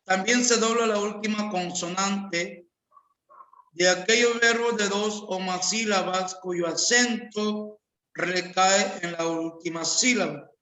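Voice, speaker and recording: A male English teacher gives a slow classroom grammar lesson, drawing out each word and repeating examples. His voice sits high and bright, and he speaks very slowly in a roomy, echoing space.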